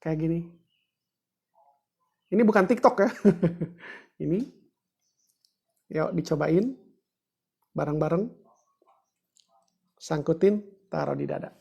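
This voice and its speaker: A woman's voice: low-pitched, slow, creaky, pauses often, mellow, breathy edge. A woman giving a chatty, joking livestreamed teaching talk, greeting viewers and walking them through steps. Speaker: book discussion presenter.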